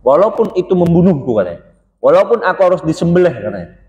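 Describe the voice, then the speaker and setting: A man giving a conversational mosque sermon, speaking straight to the congregation and slowly quoting Arabic verses. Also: a little high, sing-song, a little mellow. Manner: conversational, addresses listeners as "Pak", quotes Arabic verses slowly. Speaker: preacher. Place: mosque hall. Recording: dull lo-fi recording with long hall reverb.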